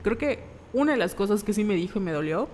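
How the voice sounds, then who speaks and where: A young woman with a Mexican accent chatting casually, acting out quoted lines from her mother in animated bits. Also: medium pitch, fast, slight background noise. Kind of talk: casual chat. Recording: long reverb, faint background ambience.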